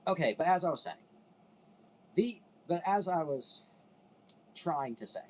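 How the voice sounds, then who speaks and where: A man's voice: fairly high pitch, animated, unhurried, darkish tone, poor audio. Rambling man hosting casual commentary. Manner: rambling, self-interrupting, swears casually. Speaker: video host.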